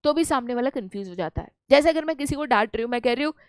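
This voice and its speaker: A young Indian woman teaching an online lesson, lively and playful, acting out little scenes to make her points. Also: high-pitched, rapid-fire, clear, resonant tone, no echo, studio quality. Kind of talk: online lecture in Hindi mixed with English.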